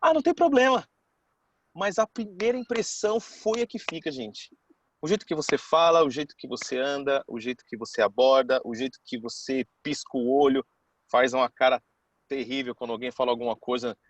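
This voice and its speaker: A man's voice: medium pitch, steady tone, a little fast, muffled recording. A man, telling a personal story to a class in a casual, chatty way and acting out the people he quotes. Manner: chatty, keeps saying "cara".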